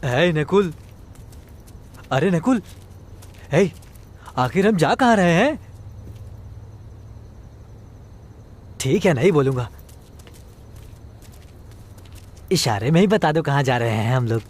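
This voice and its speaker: A man's voice: a little high, lively intonation, measured pace, long pauses. A male dub actor playing a talkative, easily scared comic sidekick in a dubbed film. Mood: chattering. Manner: chattering, fearful, complaining. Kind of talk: Hindi film dub acting.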